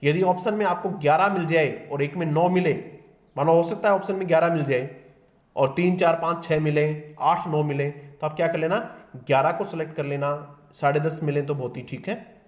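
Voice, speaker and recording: An Indian-accented male teacher works through exam questions in a brisk, repetitive drilling manner, switching between languages for key terms. His voice sits fairly high for a man. The recording has a noticeable room echo. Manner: explains in Hindi mixed with English terms, drilling answers. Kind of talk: exam prep lesson.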